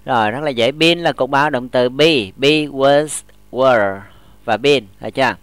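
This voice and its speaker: A man's voice: medium pitch, fairly bright tone, smooth, no echo. Man teaching English grammar. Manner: explains slowly, constantly checks with students; models English example sentences slowly. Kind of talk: classroom grammar lesson.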